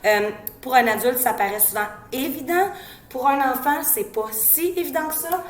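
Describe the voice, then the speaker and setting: A woman with a Québécois French accent, an educator giving parents reading tips in a casual teaching tone, slowly sounding out letters and syllables. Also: high-pitched, echoey room, slight background noise. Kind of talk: informal instructional talk.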